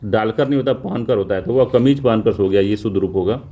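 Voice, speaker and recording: Guy going over grammar fixes for an exam, warm low-key voice, says the wrong line then the right one again slowly. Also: dull audio. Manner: reads each wrong sentence, then repeats the corrected one slowly. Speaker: teacher. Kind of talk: exam revision lesson.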